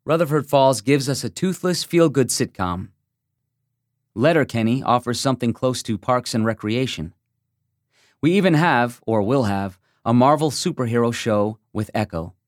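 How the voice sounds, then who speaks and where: A man from the United States giving a measured, reflective first-person reading of a magazine essay. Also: medium pitch, expressive, dry recording, clean studio sound. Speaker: essay reader. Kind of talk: scripted narration of a magazine essay.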